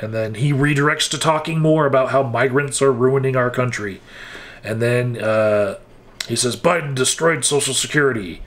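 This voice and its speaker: A man at an ordinary mid pitch delivers casual, frank commentary. His tone is wry, and he often pauses, hesitates and restarts mid-sentence as he thinks aloud. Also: steady tone. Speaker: political commentator.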